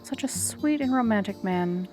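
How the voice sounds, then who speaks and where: A woman voicing a lovesick, weeping young maiden, speaking in a slow, melodramatic way. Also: medium pitch, animated, darkish tone, soft background music, lightly acted. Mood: lovelorn.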